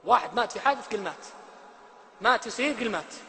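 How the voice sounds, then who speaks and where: A man's voice: high-pitched, expressive, fast talker, pushed and bright, big-room sound, a little hiss or hum. A man preaching a religious lecture, emphatic and full of rhetorical questions.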